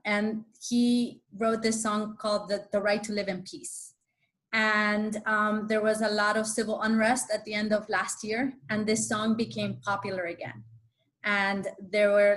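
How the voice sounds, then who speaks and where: A woman from Chile speaking as a panelist, earnest and reflective, with fillers and the odd soft laugh. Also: medium pitch. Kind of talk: panel discussion.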